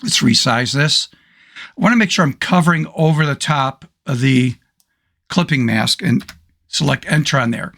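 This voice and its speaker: A man with a hoarse voice, casually talking through a photo editing tutorial step by step. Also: medium pitch, normal speed, fairly bright tone. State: hoarse, losing his voice. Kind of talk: screen-recorded software tutorial.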